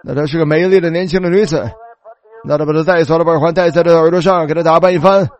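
A man's voice: on the high side, steady tone, rapid-fire, lo-fi sound. A man preaching a sermon, telling the story animatedly and calling out hallelujah.

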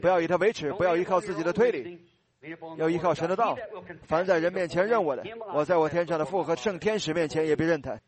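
A man's voice: on the high side, quick pace, crowd noise. A man preaching a sermon and giving an altar call, earnest and pleading, repeating blessings over the people who stand.

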